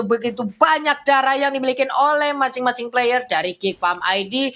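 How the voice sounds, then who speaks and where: A woman with an Indonesian accent giving live play-by-play commentary on an esports match. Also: fairly high pitch. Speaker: esports caster.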